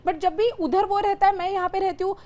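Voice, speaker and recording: A woman's voice: extremely high pitch, steady tone, fairly quick, dark tone. A woman whose first language is Marathi, a guest candidly telling stories in a casual chat. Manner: chatty storytelling, candid.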